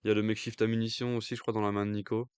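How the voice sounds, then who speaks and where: A man's voice: fairly low pitch, level tone, very fast, darkish tone, clean tone, no echo. A man with a French accent giving casual live commentary on a card game match, thinking aloud with hesitant fillers. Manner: jokey aside in accented English. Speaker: stream commentator.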